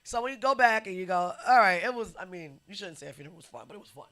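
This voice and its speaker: A woman hosting a podcast, chatting casually and telling lively stories that she acts out, sometimes dropping to a whisper. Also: lowish voice, rapid-fire. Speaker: podcast host. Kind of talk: casual chat and storytelling.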